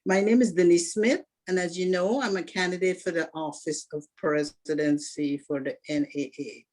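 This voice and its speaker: Speaking at a moderate pace in a low, slightly mellow voice, a woman in her sixties originally from Guyana makes her case for an alumni association presidency. Her prepared speech is earnest and well organized, with a few restarts.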